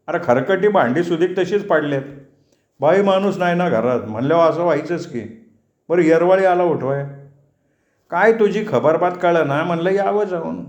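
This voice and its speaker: A talkative middle-aged village butcher, put on by a male storyteller, gossiping in rustic dialect. The voice sits a little above middle pitch. The echoey room carries every word. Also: a little mellow, dull audio, close to an everyday voice. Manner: chatty, rustic village dialect, quick banter.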